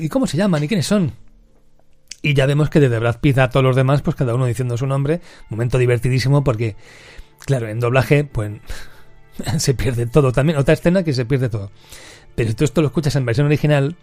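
Guy on a podcast going over a movie, does the characters' lines, normal pitch, dry close sound. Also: no room sound. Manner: lively storyteller who acts out character quotes. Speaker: podcast host. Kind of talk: casual film recap.

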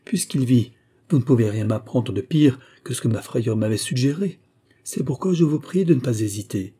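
A man's voice: medium pitch, expressive, moderate pace, mellow, husky. A man reading aloud voices a frightened young heroine, pleading and urgent.

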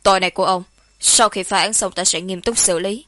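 A woman's voice: medium pitch, fairly even intonation, a little fast, a bit bright, no echo, clean studio sound, natural voice. A woman voicing a stern young noble investigator in an audiobook, giving cold orders in a raised voice. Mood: cold anger. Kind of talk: audiobook character reading.

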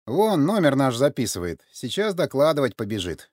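A man's voice: mid-range voice, big pitch swings, moderate pace, darkish tone, dry recording, clean studio sound, voice pushed up. A man reading an audiobook, voicing a mocking, unpredictable man who snaps out harsh orders. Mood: scheming. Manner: sarcastic, barking orders. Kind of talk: audiobook character voice.

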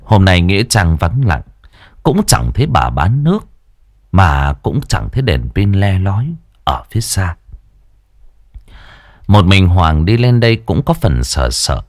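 A man's voice: low-pitched, dry recording, studio quality. A man narrating a horror audiobook, drawing out words to build suspense. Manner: expressive, drawn-out for suspense. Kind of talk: dramatic horror story narration.

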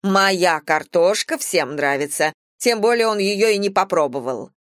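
A woman's voice: on the low side, expressive, a little slow, a bit bright, no room sound, studio quality. A woman voicing an indignant older woman market trader in an audiobook, insistent.

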